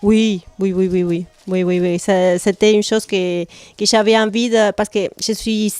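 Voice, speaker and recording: A woman's voice: medium pitch, fairly even intonation, a little slow, a little mellow, clean tone, dry recording. A woman from Argentina, hesitantly searching for French words as she talks about joining a carnival group. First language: Spanish. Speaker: carnival participant.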